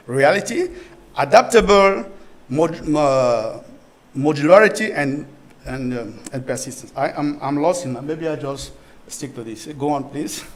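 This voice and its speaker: Male conference speaker from Cameroon, middle-aged, somewhat high voice, halting, restarts his sentences. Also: low-quality recording. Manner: halting, thinks aloud with restarts, asks for next slide. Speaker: symposium presenter. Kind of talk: academic conference talk.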